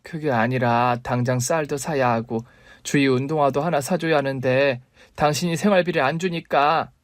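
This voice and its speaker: A man's voice: medium pitch, fairly even intonation, moderate pace, no room sound, clean studio sound, voice pushed up, lightly acted. A man voicing a struggling young mother in a story radio drama, pleading and reproachful toward her husband.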